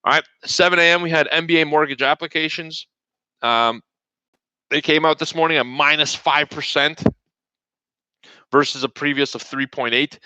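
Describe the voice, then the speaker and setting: Bright, joking trading show host, man. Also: fairly high pitch, moderate pace, pauses often, no room sound, highs cut off. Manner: joking, chatty, talks to viewers by name. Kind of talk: live market commentary, casual.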